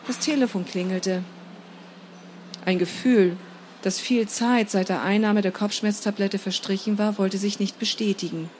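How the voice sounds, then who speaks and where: A woman narrating a first-person story in a measured, steady reading voice. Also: mid-range voice, a little hiss or hum.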